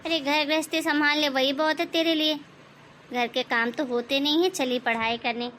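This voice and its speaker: A woman voicing a bossy, scolding mother-in-law in an animated moral story, with a taunting, commanding, sarcastic manner. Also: sits high, normal speed, a little hiss or hum.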